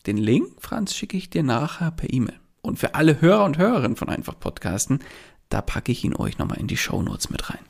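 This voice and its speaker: Brisk and sing-song, a man with a fairly high, creaky voice and a breathy edge runs a solo podcast. He relates a client anecdote and advises listeners directly, chatting loosely with frequent filler words.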